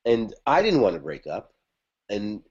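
A man's voice: on the low side, wildly swooping pitch, a little slow, a little mellow, husky, highs cut off. A man, a podcast guest, telling a personal story in casual chat, with a lot of fillers and restarts. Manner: rambling, conversational, many fillers and restarts. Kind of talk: casual storytelling about a past relationship.

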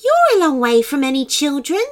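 A woman voicing a cheerful little lemming fairy with a squeaky, excited voice. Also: normal speed. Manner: excited exclaiming.

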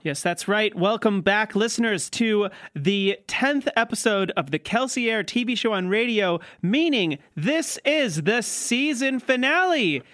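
Man playing a flustered variety show host, bright voice, dry close sound, exasperated. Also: sits high, animated, measured pace, hardly any pauses, dry recording. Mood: excited. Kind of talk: comedy audio sketch.

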